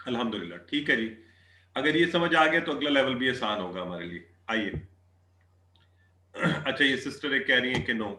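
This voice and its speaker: Bright-voiced male teacher in an echoey room. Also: medium pitch, lively intonation. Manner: repeats Arabic phrases slowly, checks understanding often. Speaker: Arabic teacher. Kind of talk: online class lecture.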